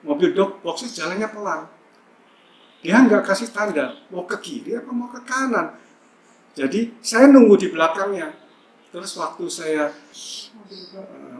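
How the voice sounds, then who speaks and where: Man, slightly high voice, chatty and rambling testimony, echoey church hall with faint hum. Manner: chatty, rambling, with many fillers. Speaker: church member giving a testimony. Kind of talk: casual testimony storytelling.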